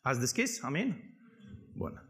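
A man's voice: medium pitch, big pitch swings, a bit bright. A male pastor preaching a sermon to a congregation, emphatic, asking them questions as he goes.

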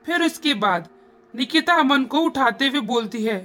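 A woman's voice: high-pitched, expressive, normal speed, fairly bright tone. A woman narrating a scripted horror story with suspenseful storytelling.

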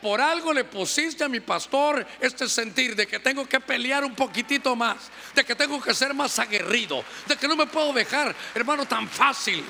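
A man preaching a sermon, exhorting his congregation fervently and acting out church members in quick asides. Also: very high-pitched, lively intonation, creaky, bright, forceful tone, slight background noise. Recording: long hall reverb.

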